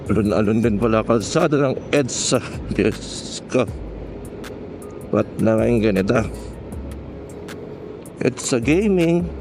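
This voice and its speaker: Music plays under a medium-pitched male voice with lively intonation, slow delivery and long pauses. He's a Filipino motovlogger chatting casually on his motorcycle in city traffic, joking in slangy talk mixed with English.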